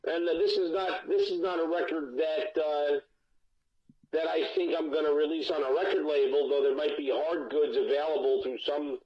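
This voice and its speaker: A man's voice: fairly high pitch, steady tone, normal speed. Blunt man on a muffled speakerphone. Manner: blunt and candid, with frequent restarts. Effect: heard over a speakerphone line. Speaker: guest musician. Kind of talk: candid phone-in interview. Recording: dull lo-fi phone line.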